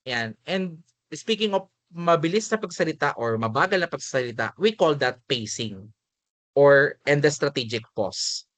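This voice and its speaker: A male teacher with a Filipino accent talks through a lesson in a relaxed, conversational way, moving between Tagalog and English. His voice sits a little high, and the recording is close and dry with no room sound. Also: dry recording. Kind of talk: spoken lecture.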